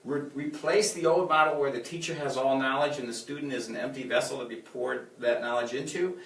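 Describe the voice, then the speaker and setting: A man teaching at the piano, explaining chords and scales in a relaxed way and counting out the notes. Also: mid-range voice, a little fast. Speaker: music teacher. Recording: roomy sound, mic at a distance. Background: piano playing.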